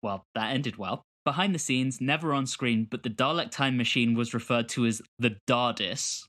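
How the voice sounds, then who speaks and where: A man co-hosting a podcast, chatting casually with animated rants and quick laughs. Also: medium pitch. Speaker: podcast co-host. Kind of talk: casual chat.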